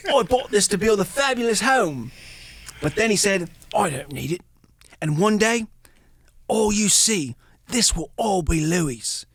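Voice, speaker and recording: A man's voice: high voice, a bit bright, no room sound, pitched above the performer's own voice. A man voicing a brash middle-aged British businessman with exaggerated cockney-style bluster.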